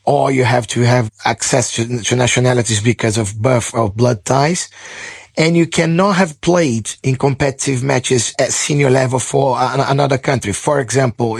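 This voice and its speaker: A man from Brazil speaks as a journalist, his voice carrying a gravelly edge. He answers questions thoughtfully, often restarting his sentences. The sound is close and dry. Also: medium pitch, no echo. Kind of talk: interview answers.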